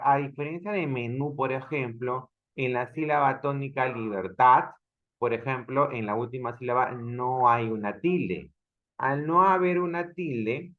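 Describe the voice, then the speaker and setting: A man's voice: medium pitch, highs cut off. A man from Peru teaching an online grammar class, explaining step by step and often checking with the students.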